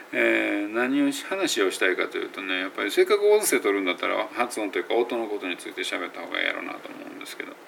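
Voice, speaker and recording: A man's voice: fairly low pitch, lively intonation, quick pace, gravelly, a bit bright, a little hiss or hum. A man with a Kansai Japanese accent, teaching English pronunciation in a casual audio blog, rambling and correcting himself as he sounds out example words.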